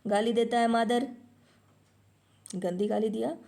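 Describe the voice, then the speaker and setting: A woman voicing a thin, excitable male clerk who shouts insults in a storybook reading. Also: on the high side, measured pace, vocal fry. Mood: furious.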